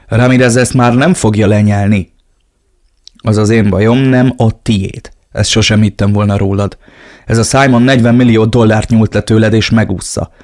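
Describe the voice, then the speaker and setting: A man's voice: on the low side, fairly even intonation, lightly acted. A man voicing a ruthless, mocking cartel henchman in an audiobook. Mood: angry. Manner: mocking, shouting. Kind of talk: audiobook reading.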